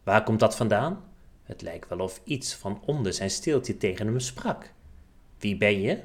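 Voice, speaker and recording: A man narrating a children's storybook chapter aloud in a gentle, expressive storytelling manner. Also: lowish voice, a little slow.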